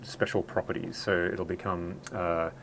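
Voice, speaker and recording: A man with a deep, low voice walks through a game demo, hesitating and repeating himself as he explains. Faint hiss sits under the recording. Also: flat delivery, moderate pace, fairly bright tone. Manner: hesitant, many ums and repeated words. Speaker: game developer guest. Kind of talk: casual game demo walkthrough.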